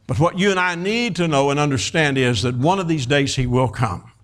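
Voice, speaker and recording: A fiftysomething man gives a brisk sermon in a slightly high voice. Folksy and animated, he tells stories, stumbling into fillers and restarts along the way.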